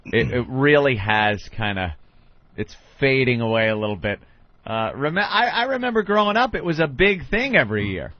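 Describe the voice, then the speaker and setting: A man's voice: mid-range voice, big pitch swings, moderate pace, no room sound, dull audio. A male radio host, bantering in a wry, mocking way. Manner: wry, mocking, drops into mimicking voices. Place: radio studio.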